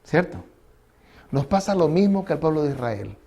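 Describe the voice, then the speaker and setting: High-voiced preaching pastor. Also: male voice, very animated, normal speed, mellow, dull audio. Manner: preaching with rhetorical questions and acted quotes. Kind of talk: sermon.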